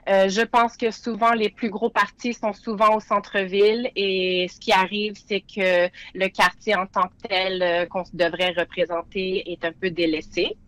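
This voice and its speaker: Femme candidate, sincère et hésitante. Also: female voice, mid-range voice, flat delivery, a little slow, few pauses, fairly bright tone, dry recording, low-quality recording. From Philippines. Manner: earnest, hesitant with many fillers and restarts. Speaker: municipal candidate. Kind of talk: interview answers.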